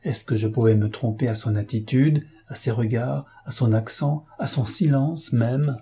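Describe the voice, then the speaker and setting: Male reader doing a jealous young nobleman, passionate and bitter, dark husky tone. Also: medium pitch, normal speed. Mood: anguished.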